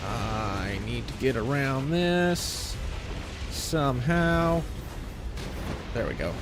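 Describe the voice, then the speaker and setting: An American man in his late thirties from the US West Coast chats casually while live streaming a game, often getting distracted and thinking out loud. His voice is mid-range and extremely slow, with video game music playing behind him.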